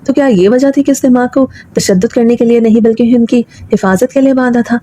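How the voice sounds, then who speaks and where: A woman's voice: fairly high pitch, mellow. A woman narrating a scripted, emotional story in the first person with dramatic delivery.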